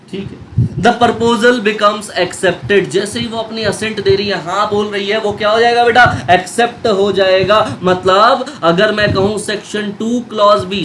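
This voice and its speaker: A man's voice: high-pitched, a bit bright. A man teaching a commerce class, who keeps quizzing his students with repeated questions and addressing them fondly. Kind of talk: Hindi-English lecture. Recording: noisy recording with clicks.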